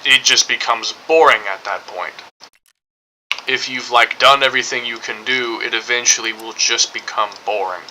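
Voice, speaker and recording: A man's voice: mid-range voice, sharp tone, slight background noise, rough recording. A man giving casual, rambling game commentary, hedging often and circling back over his points. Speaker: gaming streamer.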